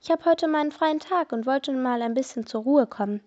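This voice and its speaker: A woman voicing a relaxed middle-aged male police inspector in a read-aloud story, on a dull lo-fi recording. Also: high voice, fairly quick, close to an everyday voice. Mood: easygoing.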